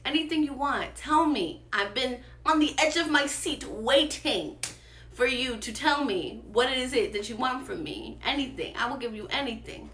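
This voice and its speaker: A woman's voice: sits high, expressive, normal speed, a bit bright, echoey room, a little hiss or hum. A woman voicing an ancient king, a doting husband who turns to outrage, in a playful, exaggerated retelling.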